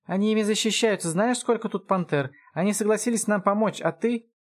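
A man voicing a furious male elf father who yells in a high, frantic voice. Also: animated, quick pace, natural voice. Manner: shouting, frantic, high-pitched.

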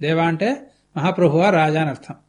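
Male discourse speaker, high-pitched, storytelling sermon with plain explanatory asides. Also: brisk. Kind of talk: televised religious discourse.

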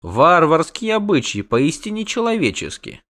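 A man's voice: on the high side, sing-song, moderate pace, pitched above the performer's own voice. Man doing a fuming halfling merchant, Dainty. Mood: blustering. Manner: shouting, cursing, indignant. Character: hot-tempered male halfling merchant, blustering.

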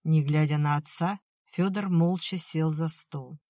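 A slow, measured audiobook narration in a middle pitch, recorded close and completely dry. Each sentence is laid out evenly and unhurried. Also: fairly even intonation, dark tone, no room sound. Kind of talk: scripted narration.

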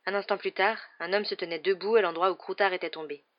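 A woman narrating an audiobook in an even, measured reading, in a dull, muffled recording. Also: mid-range voice. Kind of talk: scripted narration.

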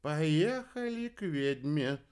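Man doing a befuddled astrologer, high drawl, slow dreamy delivery, audiobook figure. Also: lively intonation, a little mellow, clean tone. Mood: vague, drawling. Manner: slow, drawn-out, raised pitch. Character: eccentric befuddled male astrologer, slow and vague.

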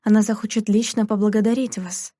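A woman's voice: fairly even intonation, fairly quick, warm tone, no room sound, studio quality, close to an everyday voice. A woman reading aloud, voicing a stingy, domineering elderly aunt who fusses and complains. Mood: bossy fretful. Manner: shrill, fretful and bossy.

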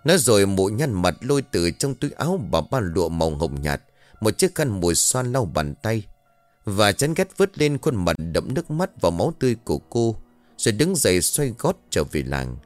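A man narrates a ghost story in a slow, dramatic storytelling manner. His low voice moves with lively pitch. The recording is dry and close, with faint music underneath. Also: dry recording. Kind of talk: scripted horror narration.

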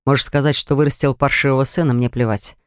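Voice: mid-range voice, steady tone, fast talker, clean tone, dry recording, studio quality, pitched below the performer's own voice, natural voice. A woman reader voicing a young husband who speaks curtly and sternly, in an audiobook story. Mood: cold, stern. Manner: curt, stern. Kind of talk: audiobook character voice.

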